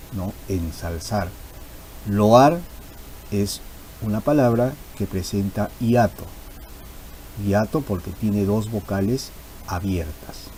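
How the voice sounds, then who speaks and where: Patient lower-voiced male teacher. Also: dark tone, slight background noise, poor audio. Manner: patient, repeats key terms for emphasis. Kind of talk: explanatory grammar lesson.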